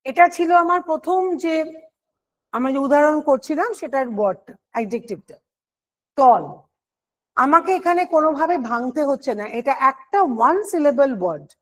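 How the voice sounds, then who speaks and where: A woman's voice: high-pitched, expressive, normal speed. A woman teaching an online grammar lesson for exam prep, explaining step by step and answering her own questions.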